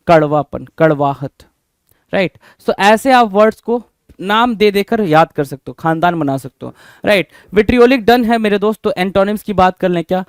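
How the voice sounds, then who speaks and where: Energetic high-voiced vocabulary teacher. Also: male voice, smooth, dry recording, studio quality. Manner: energetic, drills words with repeated questions. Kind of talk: exam-prep vocabulary lesson.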